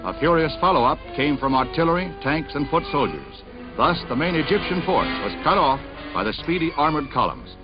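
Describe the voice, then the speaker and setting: A man giving scripted narration for an old newsreel, in a brisk and dramatic announcer's delivery. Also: on the high side, big pitch swings. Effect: old newsreel recording. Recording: dull lo-fi newsreel sound with music behind.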